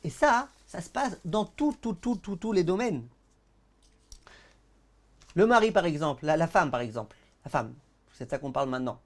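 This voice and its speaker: A man's voice: fairly high pitch, normal speed, pauses often. A man, a rabbi, giving a Torah lesson to an audience, telling stories and acting out the dialogues. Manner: animated storyteller, acts out dialogues; addresses the audience directly. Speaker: rabbi teaching a class.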